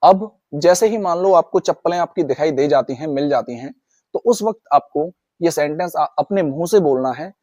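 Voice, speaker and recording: Male teacher, slightly high voice, drills phrases slowly, dry close recording. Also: dark tone, no echo, muffled recording. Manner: repeats phrases slowly for practice, addresses viewers as guys. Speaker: English teacher. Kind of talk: spoken lesson.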